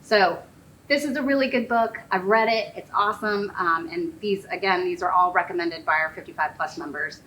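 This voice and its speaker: A woman hosting a community talk show, chatty and filling pauses with lots of ums. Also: on the low side, sharp tone, slight background noise, poor audio. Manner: chatty, many fillers. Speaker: host.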